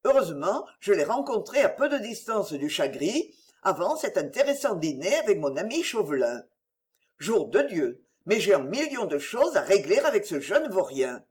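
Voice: medium pitch, sing-song, moderate pace, close to an everyday voice. A reader voicing a dashing nobleman who talks in a breezy, teasing, flippant way in an audiobook. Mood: jaunty. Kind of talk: audiobook reading.

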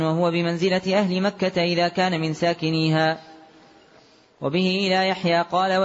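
A man reading a classical text aloud as a student, in a rapid, even recitation with occasional chanted tones. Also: high-pitched. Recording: dull lo-fi recording in a long-reverb hall.

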